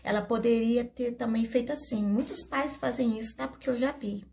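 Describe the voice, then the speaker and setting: A middle-aged Brazilian woman talks straight to her viewers in an earnest, storytelling way. Her voice sits a little high and carries a gravelly edge. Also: normal speed, darkish tone, a little hiss or hum. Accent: Brazilian Portuguese. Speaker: therapist. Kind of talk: casual advice talk to camera.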